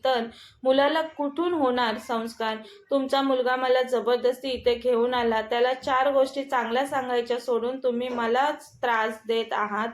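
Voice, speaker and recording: A woman's voice: fairly high pitch, lightly acted. A woman voicing a proud, defiant young wife who speaks angrily, recorded in an echoey room. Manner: angry, defiant.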